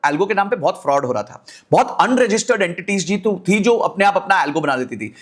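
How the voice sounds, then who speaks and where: A middle-aged man with an Indian accent, an energetic finance YouTuber speaking straight to his viewers. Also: high voice. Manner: energetic, direct address to viewers. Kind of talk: explainer video talk.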